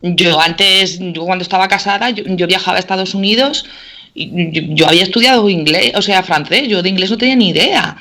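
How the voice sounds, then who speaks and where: Woman, middle-aged, teacher, casual chat, bright tone, frequent fillers. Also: fairly low pitch, a little fast. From Spain. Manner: chatty, full of "o sea" and "¿vale?" fillers. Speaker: teacher and guest.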